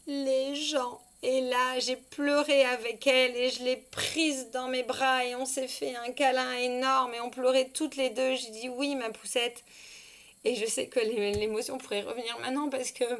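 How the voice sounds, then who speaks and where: A woman in her thirties, a parenting consultant, telling a personal family story in an emotional, hesitant way full of fillers and restarts. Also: mid-range voice.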